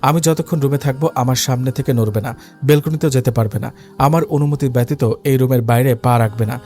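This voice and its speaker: A man's voice: mid-range voice, a little fast, dark tone, faint music behind, natural voice. A man voicing a stern, cruel young husband who gives harsh, commanding orders through gritted teeth.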